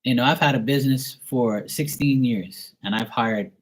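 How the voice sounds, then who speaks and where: A man's voice: mid-range voice, normal speed. A man from Bermuda with a Bermudian accent, talking in a blunt, profane, ranting way on a casual livestream. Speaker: livestream host.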